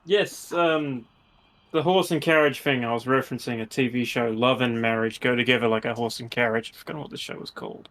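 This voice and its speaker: A man's voice: mid-range voice, steady tone, brisk, fairly bright tone. A man in his thirties playing a tabletop game, rambling and poking fun at himself. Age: 30s. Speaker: player. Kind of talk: casual chat at a game table.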